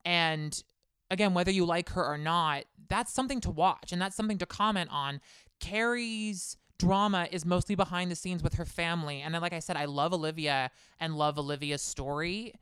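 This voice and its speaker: A podcast co-host chats casually about reality TV, launching into heated, fast, opinionated rants. Her voice is on the low side, fairly bright, clear and resonant, captured as clean studio sound with no room sound.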